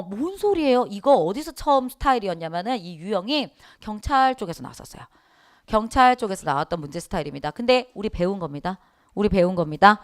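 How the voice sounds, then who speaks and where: A middle-aged woman teaching a Korean exam prep lecture, lively, asking the class questions and answering them herself. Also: medium pitch. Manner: acts out quoted dialogue in voices. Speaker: Korean language exam instructor. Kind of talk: online lecture.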